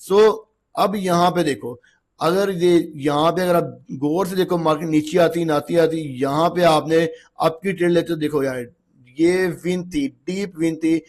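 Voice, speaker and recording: A man with a somewhat higher voice than most, sounding a little hoarse after a long day of talking. He explains charts in a loose, conversational way and keeps checking in with the listener. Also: darkish tone. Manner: chatty, repeats checks like "okay ji" and "look". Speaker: trading instructor. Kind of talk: casual screen-walkthrough lesson.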